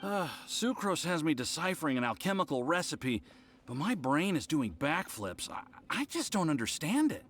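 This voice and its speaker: A man's voice: a little high, sing-song, normal speed, fairly bright tone, a little hiss or hum. A man voicing a hesitant, self-doubting young alchemy apprentice in an anime video game. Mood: flustered. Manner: hesitant, flustered. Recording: faint music behind the voice.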